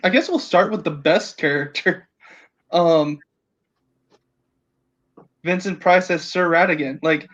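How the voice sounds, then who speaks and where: A man in his thirties hosting a casual film discussion, haltingly rephrasing as he thinks aloud. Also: a little high, fairly bright tone, dull audio. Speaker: podcast host.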